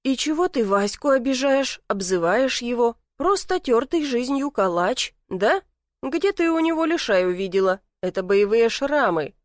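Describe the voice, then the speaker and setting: A woman's voice: on the high side, animated, moderate pace, no echo, clean studio sound, lightly acted. A woman voicing a remorseful man in his forties who pleads emotionally with his lover, read as an audiobook character. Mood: coaxing.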